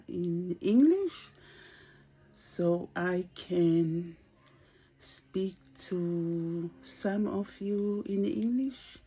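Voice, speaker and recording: A Samoan woman in her sixties talks casually to camera as a vlogger, speaking English as a second language and hesitating as she hunts for words. Her voice is medium-pitched, dark and a little breathy, and the recording is rough.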